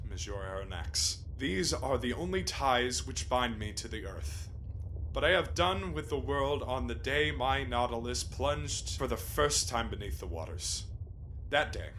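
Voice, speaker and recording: A man acting a reclusive, courteous, world-weary sea captain in a radio play, with formal, deliberate delivery. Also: medium pitch, sharp tone, a little hiss or hum. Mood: solemn, bitter.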